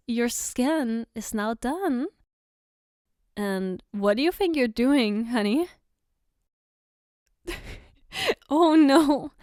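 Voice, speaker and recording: In an ASMR roleplay of soft personal attention, a woman plays a caring girlfriend with a smooth, fairly high voice. She takes her time, explaining patiently with gentle reassurance and a playful, teasing edge. The sound is dry, with almost no room tone and no echo.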